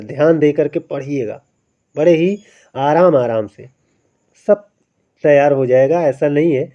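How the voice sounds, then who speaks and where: A man teaching Hindi spelling in an exam-prep lesson, coaxing and repetitive, often ending phrases with tag questions. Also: on the high side. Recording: dull lo-fi sound.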